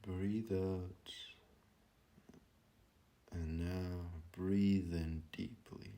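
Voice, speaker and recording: A man leading a guided meditation, speaking calmly and softly with long pauses. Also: sits low. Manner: slow, calm and soft-spoken, with long pauses.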